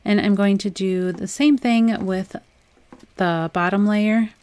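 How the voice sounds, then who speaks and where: Woman, young adult, craft vlogger, casual voice-over, chatty, relaxed, conversational fillers. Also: mid-range voice, takes it slowly. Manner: chatty, relaxed, frequent "um" and light laughs. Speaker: DIY crafts channel host.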